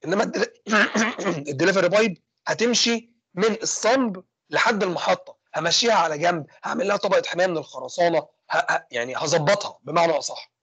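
A young man with an Egyptian accent teaching an engineering class online. He talks fast and keeps asking questions and then answering them himself. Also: sits high, a bit bright, breathy edge, dry recording. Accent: Egyptian Arabic. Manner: fast, asks and answers his own questions. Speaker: engineering lecturer. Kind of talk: online lecture with student questions.

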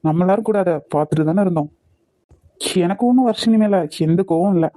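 A man's voice: high voice, quick pace, warm tone, no room sound, close to an everyday voice. A man voicing an earnest young cartoon hero. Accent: Kanyakumari Tamil. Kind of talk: cartoon voice acting.

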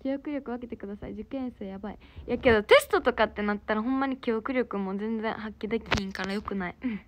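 A young idol livestreamer with a Kansai accent chats casually, cheerfully reading out viewers' comments and gifts and thanking them. Her voice is a little high and quick, over noisy livestream audio.

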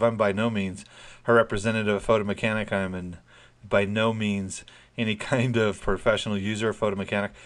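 A man's fairly low voice walks through a software tutorial over a screen recording. His tone is informal and chatty, he keeps each step's explanation plain, and he plays down how much he knows.

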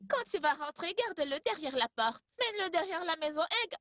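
Teasing show-off young woman, lively high voice, dry dub. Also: measured pace, dry recording, exaggerated voice. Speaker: Amaka, young fiancée. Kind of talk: dubbed film acting.

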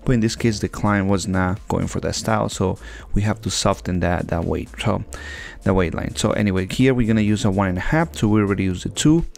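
A man's voice: lowish voice, a little fast, gravelly. A young man, a barber, talking casually over haircut footage in a rambling way with many fillers and restarts.

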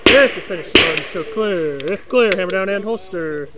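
High-pitched man calling loud, flat range commands. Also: moderate pace. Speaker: range officer at a shooting match. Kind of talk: shouted range safety commands. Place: outdoor shooting range. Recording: very noisy outdoor action-camera audio.

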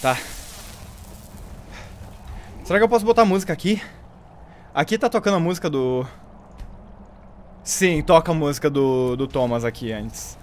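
A young Brazilian man commenting live on a video game in a high voice that swings widely in pitch. He swears freely, laughs, and taunts his foes. Steady noise runs under his stream audio. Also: moderate pace, pauses often. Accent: Brazilian Portuguese.

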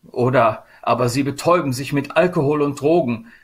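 A man's voice: mid-range voice, brisk, husky, pitched above the performer's own voice, close to an everyday voice. A man voicing a small, sorrowful female spirit of sadness in a storybook reading, with a plaintive, lamenting manner.

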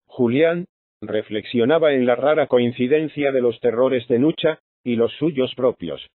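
A man narrating a classic novel as an audiobook in a measured, even reading. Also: medium pitch, dry recording. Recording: tinny phone-like sound.

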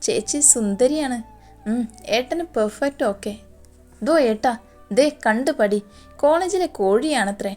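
A cheeky younger sister mocks her brother in playful banter, voiced by a woman storyteller. The voice is a bit high. Faint music sits behind it. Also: animated, a little slow, a little mellow. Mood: teasing. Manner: teasing, mocking banter.

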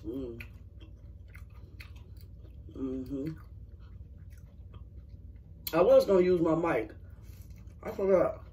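A man's voice: a little high, lively intonation, extremely slow, pauses often, warm tone, recorded from a distance, a little hiss or hum. A man chatting casually to viewers with his mouth full, chewing while he talks, rambling and searching for words. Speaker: mukbang vlogger.

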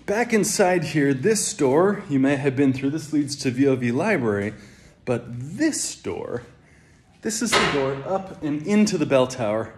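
A minister in his thirties gives a casual walking tour of an old stone church, indoors and up on a roof, filming on a phone held at arm's length. His mid-range voice moves at a measured pace, chatty and relaxed like a tour guide.

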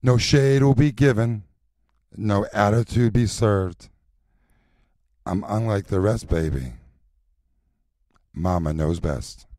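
A man performing recorded voice lines as a sassy, confident drag mother teaching a class, in a slow rhythmic chant with sultry stretched endings. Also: on the low side, dark tone, no room sound, studio quality.

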